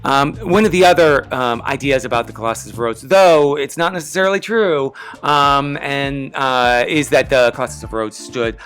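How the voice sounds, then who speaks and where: A man's voice: mid-range voice, normal speed, few pauses, a bit bright, clean tone, low-quality recording. Chatty man teaching crafts, slightly off articulation. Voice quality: slightly odd articulation from a sore tongue. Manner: chatty, enthusiastic, self-deprecating. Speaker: craft lesson host. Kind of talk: casual step-by-step craft tutorial voice-over. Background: background music.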